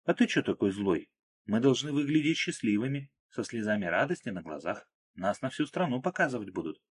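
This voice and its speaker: Man voicing a young woman, breathy, raised pitch. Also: sing-song, fairly quick. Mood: coaxing. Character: young woman, playful then frightened.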